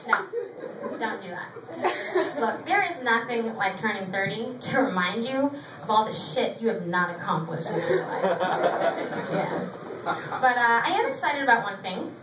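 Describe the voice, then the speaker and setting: A woman's voice: on the high side, expressive, moderate pace, pauses often. A thirty-year-old woman doing a confessional, self-mocking stand-up set, cursing freely. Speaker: stand-up comedian. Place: small theatre stage with audience laughter. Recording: echoey room recorded from a distance, noisy.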